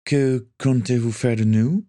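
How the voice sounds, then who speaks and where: A man's voice: mid-range voice, steady tone, unhurried, mellow, dry recording, clean studio sound, voice pushed up, close to an everyday voice. A man doing a proud young English noble. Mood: stiff.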